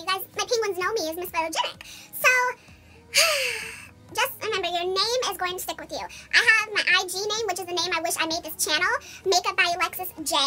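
A woman in her twenties chatting rambly and giggly in a casual vlog, her voice turned into a squeaky sped-up squirrel voice. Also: sharp tone. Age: 20s. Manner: rambling, giggly, full of likes and ums. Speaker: beauty vlogger giving channel tips.

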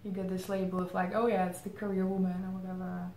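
Woman, 30s, lowish voice, thoughtful interview answers with pauses, faint room hiss. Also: level tone, a little mellow. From Czech Republic. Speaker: marketing head interviewed as guest. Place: indoor room against a plain grey backdrop. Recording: roomy echo, faint ambient noise.

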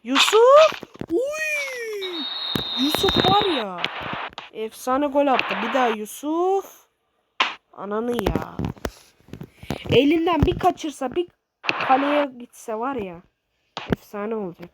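A woman giving excitable, swearing commentary while playing a football video game, shouting at her players. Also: sits high, takes it slowly, pauses often. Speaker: gaming streamer. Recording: loud background noise with clicks.

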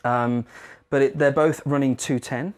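Male product rep, 30s, conversational demo delivery, mid-pitched voice. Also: fairly even intonation, a little slow, clean tone. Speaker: product representative for a guitar amp brand. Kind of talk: casual product demo chat. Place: indoor guitar shop.

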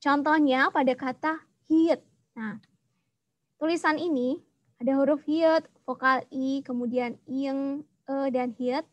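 A woman's voice: high voice, steady tone, slow, pauses often, dry recording, dull audio. A young woman, teaching an online language lesson and patiently explaining each sound step by step.

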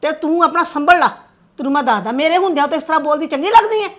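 A middle-aged woman playing a mother who scolds her daughter-in-law in an amateur family drama, with a high voice. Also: animated, racing, fairly bright tone. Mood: reproachful. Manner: firm, reproachful. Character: firm mother-in-law who takes no sides.

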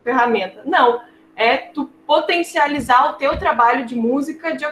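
A woman's voice: high-pitched, moderate pace, fairly bright tone. A woman leading a casual video call discussion, explaining points with frequent tag questions. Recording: roomy video call audio with faint noise.

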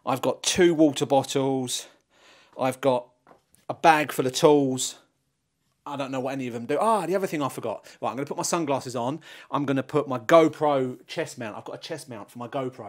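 An English vlogger films himself first in a garage and then cycling on outdoor roads, talking to the camera in a chatty, self-mocking way. His mid-range voice is recorded with studio quality and no echo by action cameras mounted on the bike and his chest.

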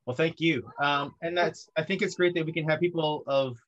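A man in his thirties co-hosting a book talk over a video call, lively and thankful, with frequent ums, from a home studio. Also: a little high, normal speed, lo-fi sound. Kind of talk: casual video call chat. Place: home studio with art banner behind. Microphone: video call webcam.

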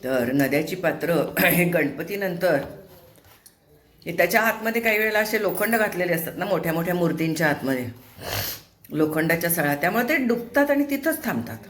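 A woman's voice: lowish voice, lively intonation, fairly quick, echoey room. An older woman, host of a home vlog, chatting casually while cooking, asking rhetorical questions and scolding in a homely way. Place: home kitchen.

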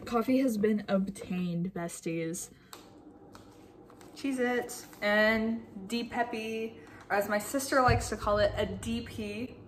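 A woman's voice: on the high side, slow, slight background noise. A young woman chatting casually and jokingly to her viewers as a vlogger, swearing freely. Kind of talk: casual chat.

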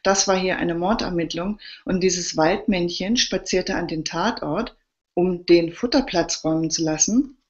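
A woman, the author, reading her crime novel aloud live in a steady narrating voice. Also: lowish voice, a little slow, muffled recording.

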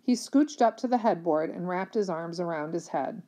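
A woman reading a novel aloud, her voice sitting a little low. Her storytelling is plain and even. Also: moderate pace. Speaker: reader.

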